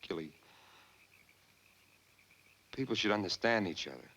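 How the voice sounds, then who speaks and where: A man's voice: fairly low pitch, lively intonation, a little slow, a bit bright, highs cut off. Brooding young Southern man. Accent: American Southern. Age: young adult. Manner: terse, guarded, flaring into anger. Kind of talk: 1940s film acting. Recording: old film soundtrack with music.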